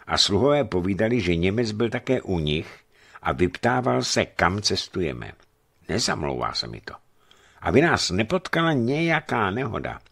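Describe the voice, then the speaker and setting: A man voicing a tall, serious older leader who speaks in a measured, persuasive way. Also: fairly low pitch, very animated, gravelly, a bit bright, slightly rough, voice pushed up, heavily acted. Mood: grave. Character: tall, grave older male leader, careful planner.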